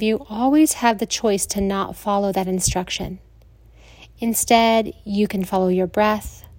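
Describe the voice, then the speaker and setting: An American woman teaching yoga nidra, guiding rest slowly and soothingly like a sleep story narrator, with spacious pauses. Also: medium pitch, darkish tone, dry recording. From lives in southern Colorado, United States.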